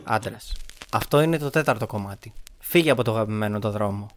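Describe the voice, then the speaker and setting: A man hosting a true crime podcast, reading a transcript in a flat, measured way. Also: on the low side, noisy background. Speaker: podcast host.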